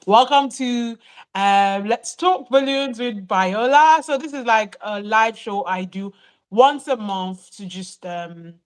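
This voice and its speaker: A woman from Nigeria with a Nigerian accent, hosting a live online chat show over a video call, chatty and quick to laugh. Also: mid-range voice, clear, resonant tone. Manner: chatty, laughs often, apologetic. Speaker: host.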